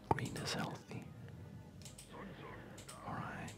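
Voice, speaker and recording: Speaking in a whisper, a man drifts through slow, meandering ASMR narration while playing a game for his video.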